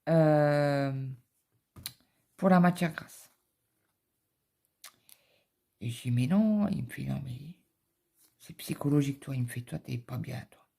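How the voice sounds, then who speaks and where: A middle-aged cross-stitch vlogger stitches in her home office, rambling through a story full of fillers. Her voice is very deep and dark, with vocal fry, a slow pace, and long pauses.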